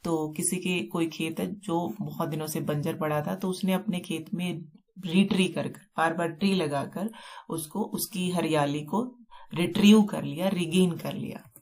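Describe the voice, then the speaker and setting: A woman with an Indian accent teaches vocabulary in a fairly low voice. She explains patiently and repeats each word several times so it sticks. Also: steady tone, darkish tone. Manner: explains slowly, repeating words with memory tricks. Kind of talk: classroom vocabulary lesson.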